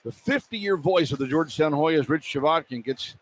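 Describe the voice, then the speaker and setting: Working from his seat in a big indoor arena, an American man calls basketball play-by-play for radio and reads sponsor spots in a fairly high, animated voice at a moderate pace. Arena ambience and background noise run through the live broadcast.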